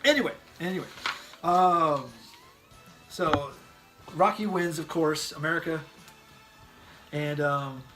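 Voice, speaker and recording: Animated man chatting over faint music. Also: a little high, slow, long pauses. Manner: animated, acts out quotes with loud yells; rambling with restarts. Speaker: podcast co-host. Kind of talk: casual movie review chat.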